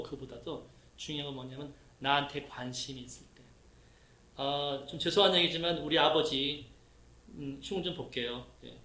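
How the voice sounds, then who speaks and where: A middle-aged man preaching a conversational sermon, telling lively personal stories, acting out voices and asking the congregation questions. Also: on the high side, roomy sound. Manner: lively storytelling, acts out quoted voices, asks the congregation questions. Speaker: pastor.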